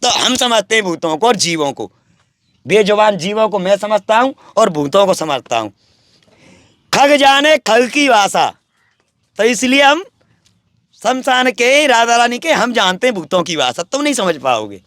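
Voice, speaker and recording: Brief: man, very high voice, dry close sound, boastful preachy holy man. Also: very animated, normal speed, fairly bright tone, no echo. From Braj region, India. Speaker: wandering sadhu interviewed. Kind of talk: rambling spiritual talk.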